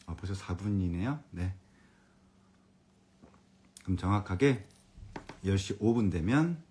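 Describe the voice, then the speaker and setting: Deep-voiced, calm Korean teacher. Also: male voice, a little hiss or hum. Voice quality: calm, comfortable voice. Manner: friendly, chats with viewers and reads out their comments. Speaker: elementary education expert and author. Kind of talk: live-streamed lecture for parents.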